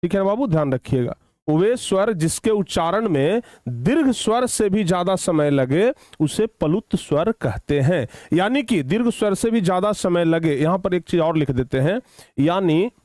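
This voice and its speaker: A man teaching children a grammar lesson, repeating phrases slowly for dictation and often checking whether they have understood. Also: high voice, darkish tone, dry recording, studio quality. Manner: slow, repetitive dictation, drawing out words; addresses students affectionately, checks understanding often.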